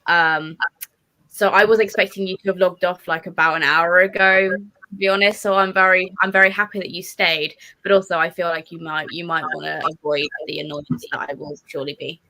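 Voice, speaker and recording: A woman's voice: fairly low pitch, fairly even intonation, brisk, sharp tone, rough recording. A woman hosting a reading livestream, chatting casually and laughing often. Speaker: readathon stream host.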